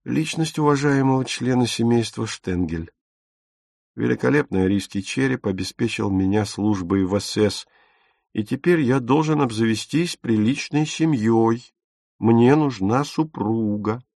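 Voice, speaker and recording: A man voicing an earnest young soldier who speaks in a soft, steady, protective way in an audiobook. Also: mid-range voice, unhurried, gravelly, no echo, clean studio sound. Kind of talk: audiobook character reading.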